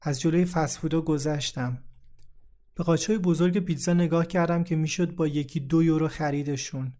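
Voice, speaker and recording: A man narrating a first-person memoir in a steady, reflective way. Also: fairly high pitch. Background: faint background music.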